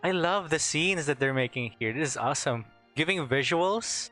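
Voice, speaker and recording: A streamer reacting to a game cutscene, excitable and laughing often. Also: medium pitch, normal speed, faint music behind.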